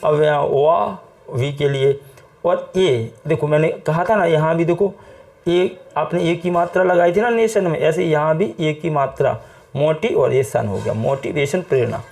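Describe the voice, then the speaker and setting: A man's voice: a little high, unhurried, gravelly, darkish tone. An Indian man with an Indian accent teaching English reading step by step, patiently repeating words and quizzing the listener. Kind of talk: classroom-style phonics lesson.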